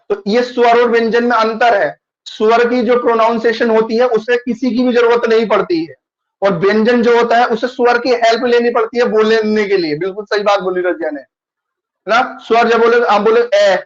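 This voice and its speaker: A man's voice: high-pitched, muffled recording. A male teacher taking an online class, patiently explaining and repeating questions to his students.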